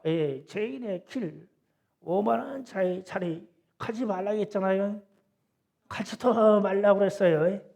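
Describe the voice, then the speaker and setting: A middle-aged male pastor giving a storytelling Sunday sermon in a church, folksy and emphatic, dropping to soft asides and rising to loud insistence. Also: fairly high pitch, creaky. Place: church sanctuary.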